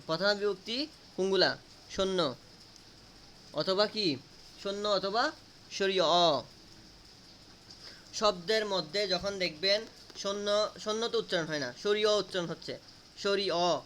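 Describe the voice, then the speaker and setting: A man's voice: sits high, sharp tone, a little hiss or hum. A man teaching a grammar lesson, asking students questions and repeating answers to drill them.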